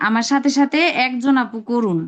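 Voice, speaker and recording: A woman with a high voice leads an online lesson, explaining patiently step by step. She stretches each sound she demonstrates. The call audio is dull and lo-fi. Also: normal speed. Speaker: Arabic pronunciation teacher. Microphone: video call.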